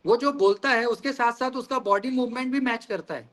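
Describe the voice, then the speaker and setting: A man's voice: very high-pitched, a little fast, fairly bright tone. A man teaching a lesson in his terms, explaining ideas through everyday examples and often addressing the class as guys. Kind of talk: classroom lecture.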